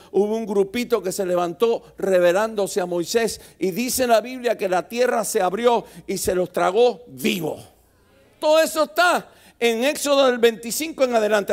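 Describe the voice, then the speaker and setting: A male pastor preaching a sermon at a church service, swinging from soft asides to shouted exhortation. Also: high voice.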